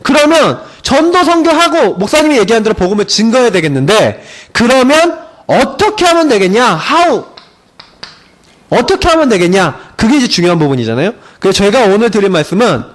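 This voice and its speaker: A young male pastor preaches in a high, lively voice that swoops up and down. He slows right down to lean on key words, and he acts out quoted conversations with his friends. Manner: stretches key words slowly for emphasis. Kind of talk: afternoon sermon.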